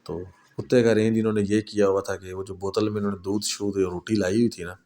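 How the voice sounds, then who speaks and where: A man's voice: fairly low pitch, little pitch movement, dark tone. A man narrating a horror story in a conversational way, retelling a night's events as if they were his own.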